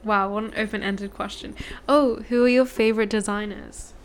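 A woman's voice: medium pitch, steady tone, normal speed. Chatty, playful woman from Punjab. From Punjab, India. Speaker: artist, podcast guest. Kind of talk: casual chat.

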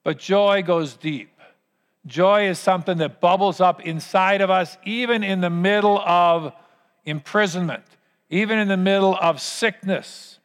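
Male pastor doing a sermon, earnest, highish voice, lots of pauses, long church reverb. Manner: earnest, emphatic phrasing with pauses. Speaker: pastor leading a church service. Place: large church hall.

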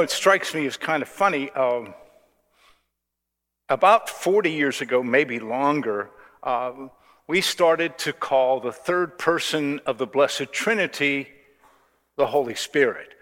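A man preaching an informal homily to a congregation in a large church, chatty, halting and reflective, with long reverb. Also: medium pitch, lively intonation, fairly bright tone.

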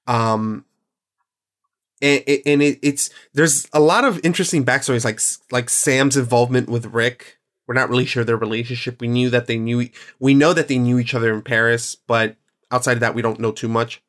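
A man's voice: medium pitch, steady tone, moderate pace, a bit bright. A man hosting a podcast in casual chat, rambling and enthusiastic, with plenty of fillers and restarts. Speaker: podcast host.

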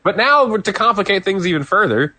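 A man co-hosting a podcast, talking about old wrestling in a relaxed, knowledgeable way. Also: sits high, a little fast, no room sound. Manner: relaxed, knowledgeable, easygoing with fillers. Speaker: podcast co-host.

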